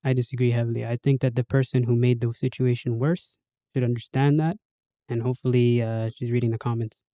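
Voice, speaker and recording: A man's voice: medium pitch, steady tone, fairly quick, mellow, no echo, clean studio sound. A man hosting a podcast in casual chat, reading listener posts aloud and putting on a bigger host voice for sign-offs.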